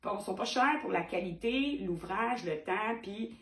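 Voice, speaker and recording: A woman's voice: mid-range voice, expressive, measured pace, a bit bright, reverberant. A woman painter with a Québécois French accent, talking frankly and animatedly to her viewers, firing rhetorical questions. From Quebec. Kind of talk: direct-to-camera vlog.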